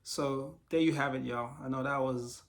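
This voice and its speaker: A man in a casual solo vlog, slightly hoarse from losing his voice, reflectively walking through a list of business ideas. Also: medium pitch, steady tone, moderate pace. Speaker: YouTube creator sharing business ideas.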